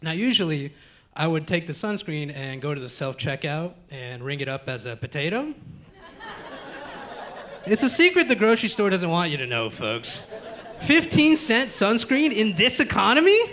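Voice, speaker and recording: A man's voice: on the high side, big pitch swings, moderate pace, pushed and bright. A man from the United States doing a live stand-up set in a comedy club, profane and talking straight to the crowd as folks.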